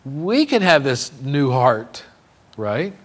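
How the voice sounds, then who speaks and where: A man teaching a Bible lesson in a conversational way, often checking in with "okay?" and slowing down to read scripture aloud. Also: mid-range voice, big pitch swings. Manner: frequent fillers and restarts, slows to read scripture.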